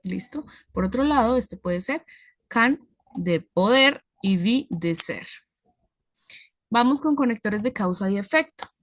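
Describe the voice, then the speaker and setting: A woman's voice: a little high, expressive, measured pace, dry recording. A woman teaching an English class, explaining patiently step by step and checking in with her students.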